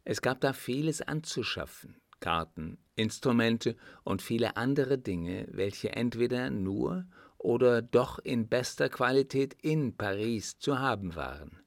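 A man narrating an old novel as an audiobook, measured and even. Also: mid-range voice, vocal fry, no room sound, studio quality. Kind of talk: scripted narration of a classic novel.

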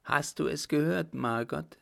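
A man's voice: a little high, unhurried, gravelly, pitched above the performer's own voice. A man reading an audiobook, voicing a distraught, lamenting middle-aged mother. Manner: lamenting, pleading. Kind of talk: audiobook character voice.

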